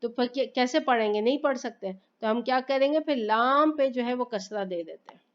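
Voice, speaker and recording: A woman teaching Arabic grammar in a slow, explanatory lesson, asking questions and answering them herself and reciting phrases carefully. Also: fairly high pitch, dull audio. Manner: patient, repeats points and asks herself questions.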